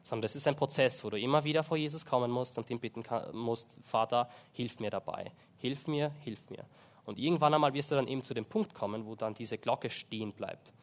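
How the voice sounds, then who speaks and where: A man preaching a sermon in a church, earnest and halting, with many fillers and restarts. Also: mid-range voice. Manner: earnest, slows down for emphasis in prayer.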